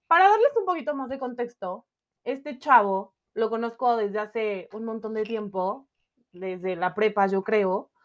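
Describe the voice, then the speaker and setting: A young Mexican woman tells a story on a podcast in relaxed, slangy talk, piling on fillers as she goes. Her voice sits a little high, and the recording sounds slightly dull and muffled. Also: a little slow. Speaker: podcast co-host. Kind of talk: casual chat.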